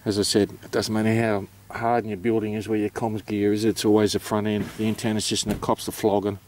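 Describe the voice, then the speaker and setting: A man's voice: on the low side, level tone, fast, darkish tone. A man with an Australian accent giving an informal, matter-of-fact explanation, hesitant and unscripted as he goes. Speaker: amateur radio operator presenting.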